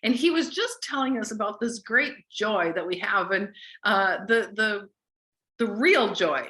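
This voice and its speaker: Hosting her company's weekly group call, a woman introduces things casually and with gushing enthusiasm. Her mid-range voice is bright and pushed, with lively intonation and a slightly slow pace.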